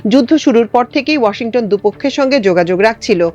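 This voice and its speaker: A woman presenting international news, reading a script in a measured, formal way. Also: fairly high pitch, lively intonation, a little mellow, highs cut off. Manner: measured formal newsreader delivery.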